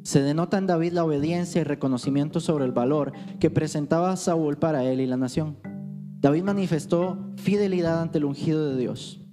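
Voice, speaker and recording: A man teaching on worship, telling stories in a loose, conversational way. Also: on the high side. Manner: conversational storytelling with anecdotes.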